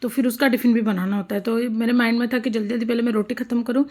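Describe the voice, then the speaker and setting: A woman's voice: on the high side, steady tone, rapid-fire, a little mellow. A woman in her thirties, a mother and homemaker, chatting casually through a home vlog voice-over, amused and full of fillers. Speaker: vlogger.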